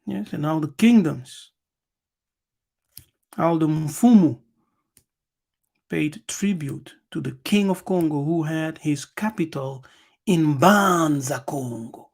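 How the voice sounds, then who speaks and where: A man from Angola gives a lecture, reading passages aloud and then commenting on them. His voice is gravelly and he speaks very slowly. He is emphatic, repeats key words and keeps punctuating with "yes". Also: a little high. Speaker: channel host.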